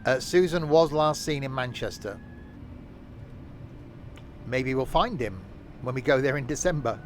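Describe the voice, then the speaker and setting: A man's voice: medium pitch, lively intonation, a little slow, a little hiss or hum. A man chatting casually while livestreaming a train simulator, with dry, self-mocking sarcastic asides. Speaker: streamer. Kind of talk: live game stream commentary.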